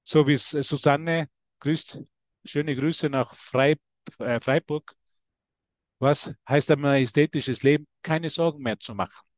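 A man giving a lively spiritual talk to a group, preaching and calling listeners by name. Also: a little high, measured pace, no room sound, clean studio sound. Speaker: spiritual teacher.

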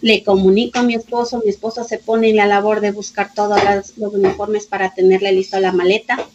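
A woman's voice: mid-range voice, level tone, fairly quick, lo-fi sound, noisy background. A middle-aged woman, a mother giving personal testimony in an interview and reenacting conversations with her son. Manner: emotional storytelling, reenacting dialogue, repeating phrases. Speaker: grieving mother of a police officer.

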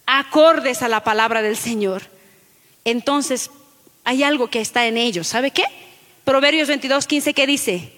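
A woman pastor giving an animated sermon to her congregation, calling listeners "brother" and acting out children's lines. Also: high-pitched, long reverb tail. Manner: animated, acts out children's voices in quotes, addresses listeners as brother.

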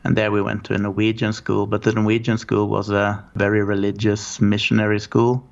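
Man from Norway, 40s, gravelly, flat low delivery, rambling guest on a dull call line. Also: fairly quick. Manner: relaxed, rambling storytelling. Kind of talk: casual interview.

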